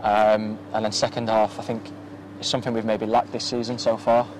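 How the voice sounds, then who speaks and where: A young male professional footballer gives a post-match interview into a handheld mic outdoors at a floodlit ground at night. He's soft-spoken, flat and low, halting with many ums and restarts. The audio is poor, with outdoor ambience and faint noise.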